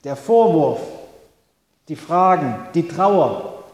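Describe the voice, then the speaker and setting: A man, as pastor, preaching a reflective sermon with long pauses. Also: a little high, expressive, a little mellow, echoey room, in a large hall.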